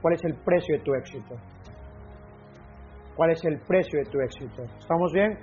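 A man's voice: on the high side, normal speed, a little mellow, highs cut off, faint music behind. A man giving an impassioned motivational talk, repeating his key phrases for weight. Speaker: motivational speaker.

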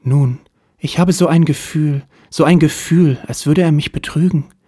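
A man doing a pleading wealthy lady client around thirty, theatrically tearful, pitched well up, a bit husky, noir parody audio play. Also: measured pace, mellow, no echo, studio quality.

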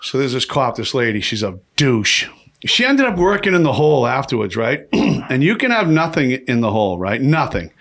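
A man with a bright, forceful voice tells stories as a podcast guest. He talks bluntly and swears freely, keeping his telling casual and animated. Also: medium pitch, normal speed, vocal fry. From Lowell, Massachusetts. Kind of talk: casual profane storytelling.

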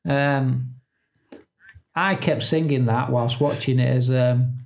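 A man's voice: medium pitch, steady tone, slow pace. A man co-hosting a podcast in casual chat, joking and laughing at his own gags. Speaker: podcast co-host.

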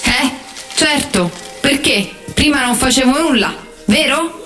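A woman's voice: sits high, expressive, unhurried, a bit bright, soft background music. A woman playing a touchy, sarcastic, passive-aggressive female satnav assistant in a comedy sketch. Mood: offended sarcasm.

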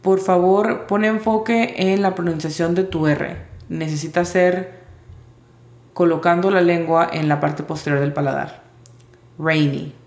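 A woman teaching English vocabulary in Spanish, spelling out each word's sounds slowly and carefully. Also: lowish voice, fairly even intonation, a little mellow, echoey room. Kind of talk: vocabulary lesson.

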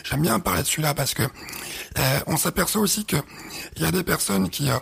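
A man's voice: a little high, fairly quick, gravelly, a bit bright, husky. A man co-hosting a podcast in casual chat, speaking hesitantly with many fillers and explaining through images. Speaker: podcast co-host.

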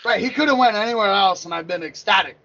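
A man's voice: sits high, fast talker, sharp tone. Rambling man in his thirties, lo-fi. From Pennsylvania. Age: 30s. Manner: rambling, repeats words and restarts often. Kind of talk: casual sports chat. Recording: lo-fi dull sound.

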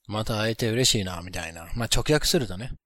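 A man with a fairly low voice runs a relaxed podcast lesson, drilling phrases and teasing his partner. He sounds close and dry, with no room around him. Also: fast, no echo. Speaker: co-host, English teacher. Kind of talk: casual podcast chat.

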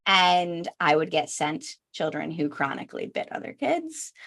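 A woman in her thirties co-hosting a podcast, telling stories in a lively way and acting out quotes. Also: lowish voice, normal speed. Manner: animated storyteller, acts out quotes. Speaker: podcast co-host. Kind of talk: casual podcast chat.

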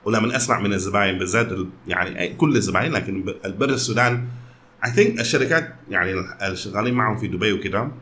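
Fast-talking Sudanese man mixing Arabic and English. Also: lowish voice, a bit bright, a little hiss or hum. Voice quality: code-switches between Arabic and English. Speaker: company founder.

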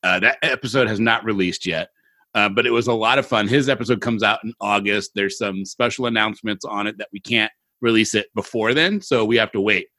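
A man's voice: lowish voice, a little fast, sharp tone. A man co-hosting a casual podcast, with reverb bouncing around a bare-walled room. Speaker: podcast co-host. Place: home office emptied to bare walls.

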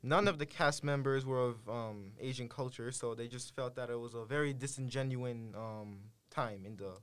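Young male host, casual, halting delivery, resonant clean voice. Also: medium pitch, fairly bright tone, clear, resonant tone. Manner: hesitant, many ums, laughs often. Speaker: podcast host. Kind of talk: casual chat.

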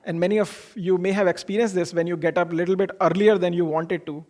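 A man's voice: sits high, fairly even intonation, fast talker, darkish tone. A man speaks. He delivers an informal motivational talk in an earnest, explanatory way. He shares personal anecdotes and often asks a question before answering it himself. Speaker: speaker giving a self-improvement talk.

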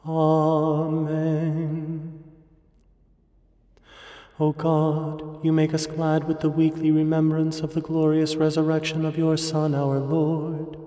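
A man leading morning prayer, reciting the liturgy in a solemn, measured and partly intoned way. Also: fairly high pitch, monotone, dark tone. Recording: echoey church-like hall, long reverb, music.

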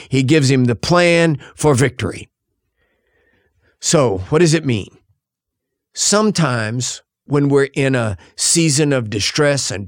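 A male pastor preaching a sermon, shifting dramatically between loud and hushed delivery. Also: medium pitch, no echo, studio quality.

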